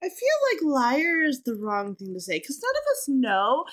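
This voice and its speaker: A woman's voice: sits high, huge pitch swings, normal speed, a bit bright. A woman playing a tabletop game who chats casually at the table, jokes around and swears freely. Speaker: player.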